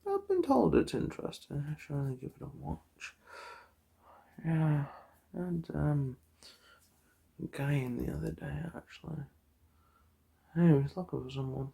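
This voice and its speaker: An ASMR performer role-plays an eye examiner, murmuring and often whispering a polite, chatty clinical patter at an unhurried pace. The voice is soft-spoken, breathy, and husky, mid-range and very animated.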